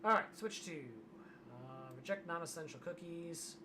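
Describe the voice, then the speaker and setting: A hoarse streamer in casual livestream commentary, wry and grumbling, reading aloud from a web page. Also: mid-range voice, normal speed, background noise. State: losing voice, hoarse.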